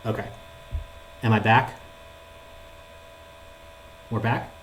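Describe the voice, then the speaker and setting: Guy on a glitchy voice call that keeps cutting out, halting, keeps asking can you hear me, faint hum behind. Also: lowish voice, steady tone, a bit bright, poor audio. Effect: call dropping out, voice breaking up. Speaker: guest on a call. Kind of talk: casual chat. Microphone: online voice call.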